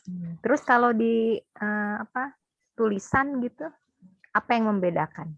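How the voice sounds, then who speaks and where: Slow, careful female student. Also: a little high, lively intonation. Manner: careful, unhurried recitation. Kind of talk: reciting practice sentences in an online lesson. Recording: dull lo-fi, dry.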